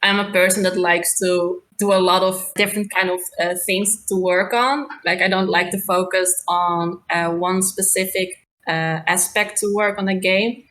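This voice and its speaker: A woman's voice: on the low side, fairly even intonation, normal speed, hardly any pauses, a bit bright, rough recording. A young woman with a Dutch accent, a game developer chatting in an interview and filling her speech with "like". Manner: chatty, many "like" fillers. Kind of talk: casual interview answers.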